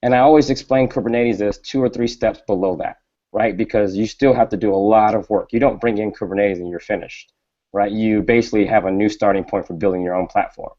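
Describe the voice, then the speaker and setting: A man with a low, mellow voice explains his points in a calm, teaching way, often checking with "right?". The recording sounds dull and lo-fi. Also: brisk. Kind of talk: casual tech panel chat. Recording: dull lo-fi stream audio.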